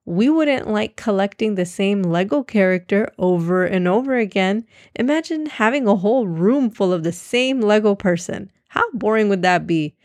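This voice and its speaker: A woman's voice: mid-range voice, lively intonation, normal speed, hardly any pauses, a little mellow, no room sound, clean studio sound, natural voice. A woman voicing a patient young boy who explains things earnestly in a children's storybook. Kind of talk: storybook reading.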